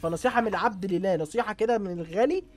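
A man with an Egyptian Arabic accent, bragging and trash-talking his friends over voice chat while gaming. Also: high-pitched. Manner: cocky, rapid-fire trash talk with lots of repeating. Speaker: gaming streamer.

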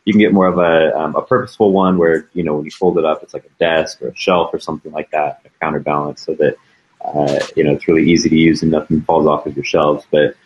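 A man who builds tiny houses, answering questions in a relaxed live Q&A, with lots of fillers. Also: rumbling low, quick pace, lo-fi sound. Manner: casual, filler-heavy. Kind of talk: live Q&A chat.

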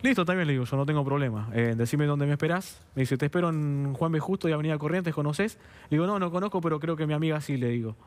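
A fast-talking Argentine TV interview guest with a slightly high, darkish voice tells what happened forcefully, in a Buenos Aires accent. He performs the quoted exchanges and asks "understand?" again and again.

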